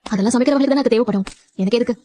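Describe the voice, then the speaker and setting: A woman's voice: on the high side, rapid-fire, dark tone, no echo, close to an everyday voice. A young woman playing a daughter-in-law in a TV family drama, talking in a chatty, cheeky way. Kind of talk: TV serial acting.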